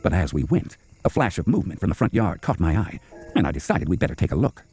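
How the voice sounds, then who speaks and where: Cartoon audio drama: earnest crocodile detective, low and quick, self-doubting leader, music underneath. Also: male voice, big pitch swings. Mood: wistful storytelling. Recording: music behind the voice.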